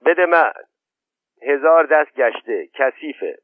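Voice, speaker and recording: A man's voice: fairly high pitch, expressive, dry recording, voice pushed up. A man voicing a bossy, scolding older aunt. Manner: sharp, scolding. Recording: tinny narrow-band, dry.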